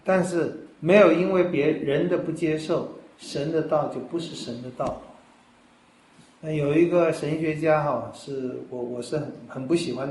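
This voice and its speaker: Pastor guy preaching, kinda high voice, chatty explaining style, echoey room. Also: a little mellow. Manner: conversational, explaining step by step with rhetorical questions. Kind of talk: sermon.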